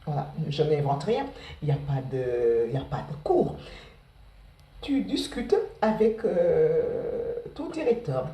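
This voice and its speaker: A woman in her forties with a Senegalese accent, talking fast and casually to students about her studies, repeating words and leaning on fillers. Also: sits low, sing-song, distant mic, muffled recording. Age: 40s. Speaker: care assistant sharing her study path. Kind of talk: casual spoken testimony to students. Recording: roomy sound, from off the mic.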